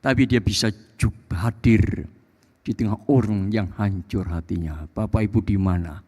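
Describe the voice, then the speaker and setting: An older male pastor with an Indonesian accent preaching a sermon, swinging between soft low asides and loud, high emphasis. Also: steady tone, unhurried, slightly rough. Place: large church hall. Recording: long church hall reverb.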